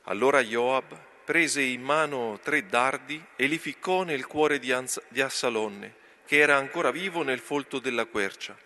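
Slow, bright-voiced male scripture reader. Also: medium pitch. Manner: slow, deliberate reading. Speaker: lector. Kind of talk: scripture reading.

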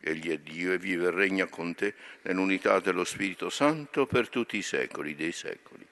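A priest with a low, deep voice intones liturgical prayers, each phrase solemn and measured. His tone is bright and clear despite the low pitch. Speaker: priest leading Mass.

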